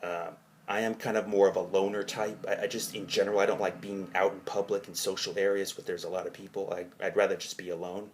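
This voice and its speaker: A man recounting his own dream in a rambling, halting way, hazy and puzzled as he gropes for details and rephrases himself. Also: low-pitched, flat delivery, slight background noise. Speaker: narrator of own dream journal.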